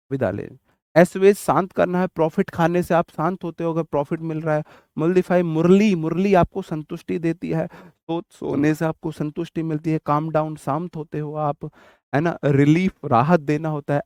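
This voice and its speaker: A man's voice: a little high, darkish tone, no room sound, clean studio sound. A man teaching vocabulary for exam prep in a casual, jokey way, mixing in memory tricks and stories from his childhood. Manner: chatty, jokey, tells childhood anecdotes.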